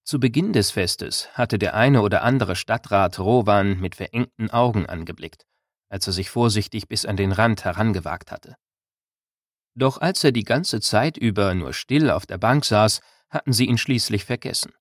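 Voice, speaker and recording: Low-voiced male storybook narrator. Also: dry recording, studio quality. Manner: calm, measured storytelling. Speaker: audiobook narrator. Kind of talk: scripted narration.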